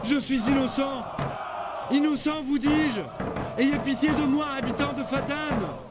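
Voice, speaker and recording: An actor dubbing a condemned man who shouts desperate pleas for his life, in a historical drama. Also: very high-pitched, measured pace. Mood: desperate pleading. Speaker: accused prisoner. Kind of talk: French dub of a historical series. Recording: loud music and crowd behind.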